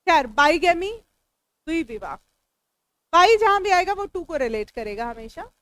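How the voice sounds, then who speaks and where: This woman teacher speaks unhurriedly with an extremely high, fairly bright voice and big swings in pitch, and has an Indian English accent. In a dry-sounding classroom lecture, she splits words into their parts, explains their meanings step by step, and responds to students along the way.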